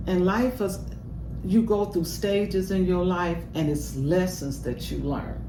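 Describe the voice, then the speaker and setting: A woman's voice: lowish voice, fairly even intonation, slow pace. An older woman giving earnest, reflective commentary and life advice in a casual reaction video. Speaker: reaction show co-host. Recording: roomy, distant mic with heavy noise.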